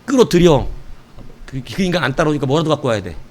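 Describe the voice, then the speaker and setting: A middle-aged male pastor preaching a sermon in a playful, animated way, acting out prayers and quotes. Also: on the high side, fast talker.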